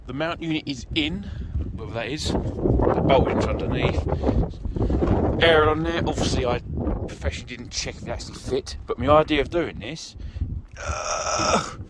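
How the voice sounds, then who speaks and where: A British man with a medium-pitched voice talks at a normal pace, rambling casually into a handheld camera while he works. He's a vlogger and amateur DIYer giving a self-deprecating walkthrough in and around an off-road vehicle outdoors. The phone or camera mic picks up plenty of noise and vehicle ambience.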